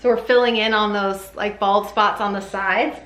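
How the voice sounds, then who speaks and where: Giving a baby update to camera, a bright-voiced woman chats casually and informally, peppering her speech with "like." Her mid-range voice keeps fairly even intonation at a moderate pace, and the echoey room carries faint background noise.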